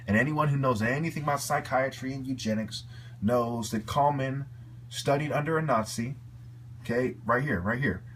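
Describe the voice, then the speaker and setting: A man's voice: medium pitch, moderate pace, fairly bright tone, a little hiss or hum. A man giving an angry, profane video rant, heated and repetitive in his delivery. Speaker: video commentator.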